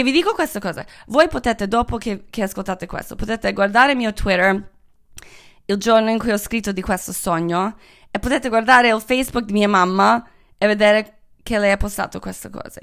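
A woman telling candid personal stories in a casual, profane monologue, often slipping phrases into her Italian. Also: medium pitch. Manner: frank, profane, mixes English into Italian. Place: Los Angeles.

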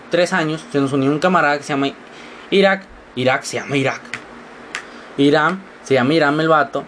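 A man's voice: high-pitched, fairly bright tone, slight background noise. A sixteen-year-old boy with a mixed Mexican accent, telling rambling, self-mocking stories in a casual podcast monologue. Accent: Mexican, mixed regional. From northern Mexico. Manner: rambling, jokey and self-mocking, quick shifts of tone. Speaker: podcast host.

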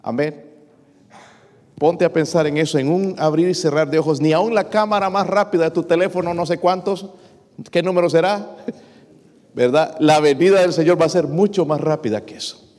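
A man's voice: normal speed, a little mellow. Male preacher in an echoing church. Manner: reads scripture aloud, rising in pitch and force on verses; addresses congregation as brothers, with frequent rhetorical questions. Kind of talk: sermon.

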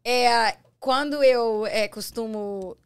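A woman's voice: fairly high pitch, slow, clear, resonant tone. A woman with a Minas Gerais accent, a guest on a podcast, chatting casually and joking with laughs in her talk. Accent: Minas Gerais Brazilian Portuguese. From Minas Gerais, Brazil. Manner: joking, laughs often while talking.

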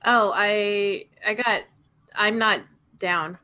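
A woman's voice: mid-range voice, fairly even intonation, very slow, bright, forceful tone. A woman playing a tabletop game, chatting casually and informally. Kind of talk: casual chat.

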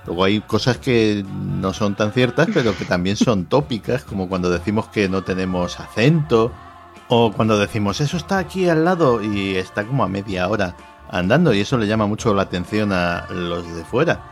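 A man from Madrid with a Madrid Spanish accent, co-hosting a podcast in a jokey, halting way with many fillers, over faint music. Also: fairly low pitch. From Madrid, Spain. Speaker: podcast co-host. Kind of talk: casual chat.

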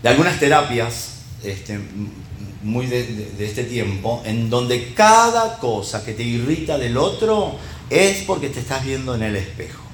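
A man's voice: medium pitch, animated, unhurried, a little hiss or hum. A middle-aged man preaching in Rioplatense Spanish, his voice swinging up and down as he talks. He keeps asking his listeners rhetorical questions and checking in with them. The sound rings around a roomy church hall. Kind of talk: conversational sermon.

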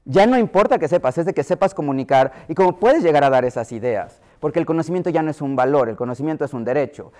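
A man's voice: on the high side, expressive, quick pace, hardly any pauses, a little mellow. A middle-aged man with a Mexico City Spanish accent giving an explanatory lecture to pediatricians, often acting out voices he quotes.

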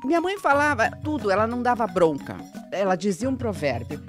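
A woman's voice: medium pitch, expressive, brisk, music in the background. A woman co-hosting a podcast, friendly, moving between reading a scripted introduction and chatting with the guest. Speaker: podcast co-host. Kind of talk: podcast interview.

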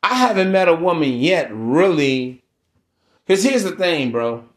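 Blunt, profane man with a high voice. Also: sing-song, unhurried. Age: 30s. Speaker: podcast host. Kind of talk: casual podcast monologue.

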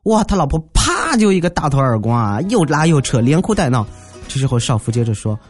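A man's voice: medium pitch, big pitch swings, fairly quick, breathy edge, faint music behind. A man hosting a podcast, telling funny everyday stories in a chatty, jokey way and acting out the quotes. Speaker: podcast host. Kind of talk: comic storytelling podcast.

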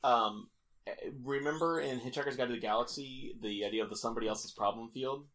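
A man's voice: mid-range voice, fairly quick, a bit bright. A man on a podcast, cracking jokes and swearing casually. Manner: joking, profane. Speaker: podcast host.

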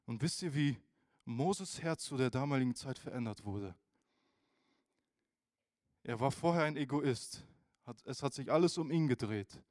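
A man preaching a casual youth sermon, informal and animated, who speaks straight to his listeners. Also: medium pitch, a little slow, long pauses, no room sound, clean studio sound.

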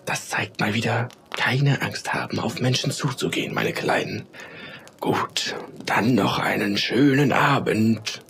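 A man reading a storybook to children in the role of Father Christmas, gentle and often dropping to a whisper. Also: medium pitch, measured pace, creaky, few pauses.

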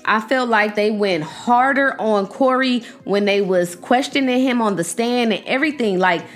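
A woman's voice: a little high, moderate pace, soft background music. A young woman vlogging casually, emphatic and slangy, addressing her viewers as y'all. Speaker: vlogger reacting to a series. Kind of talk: casual chat.

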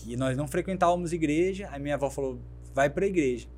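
A man's voice: on the high side, fast talker, soft background music. A man from Brazil, a brand founder, telling his life story in an interview and acting out the voices of people in it. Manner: animated storyteller who acts out quoted dialogue. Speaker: guest, fashion brand founder.

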